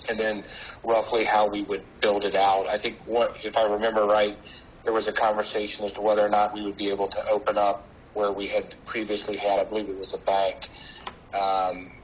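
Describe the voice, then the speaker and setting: A man's voice: lowish voice, a bit bright. A man speaking over a phone on speakerphone to a board meeting, as a business representative, hesitant with many fillers and restarts. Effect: heard over a phone on speaker. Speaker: business representative applying for a license. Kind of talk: formal remarks at a town board meeting. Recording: muffled phone speaker in a meeting room, faint noise.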